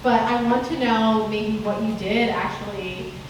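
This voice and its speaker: A woman's voice: on the high side, steady tone, unhurried. A woman moderating a panel, friendly and a little hesitant. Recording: very echoey room, distant mic, noisy.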